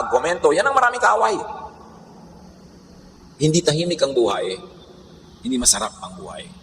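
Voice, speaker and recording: Bright-voiced Filipino pastor preaching in an echoey hall. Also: male voice, mid-range voice, a little hiss or hum. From Philippines. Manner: preaching in mixed Tagalog and English, acting out quarrels. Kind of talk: sermon. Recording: echoey hall with faint ambience.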